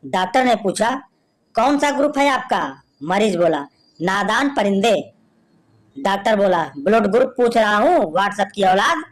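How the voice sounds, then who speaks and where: Slow, lively woman telling jokes. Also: mid-range voice, rough recording. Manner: reads jokes slowly, acting out the quoted lines. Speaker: joke teller.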